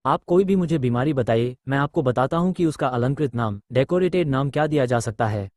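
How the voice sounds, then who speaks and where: A man's voice: mid-range voice, expressive, a little fast, a little mellow, no echo, clean studio sound. A man, a spiritual teacher, answering audience questions bluntly and posing rhetorical questions.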